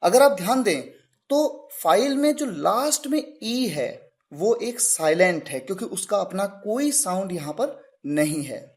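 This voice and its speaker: Lively-voiced male English tutor. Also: high-pitched, measured pace. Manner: poses questions and answers them himself; spells words letter by letter. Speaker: English teacher. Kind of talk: grammar lesson.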